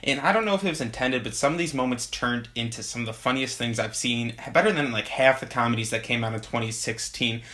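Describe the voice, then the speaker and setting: A man's voice: medium pitch, fast talker, hardly any pauses, sharp tone. A young man giving a casual video movie review, sarcastic and laughing while he talks.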